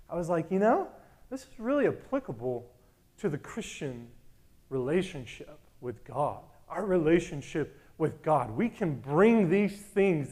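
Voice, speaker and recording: A man's voice: a little high, a little mellow. A man preaching a sermon in a casual, conversational way, asking the congregation repeated questions. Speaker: pastor.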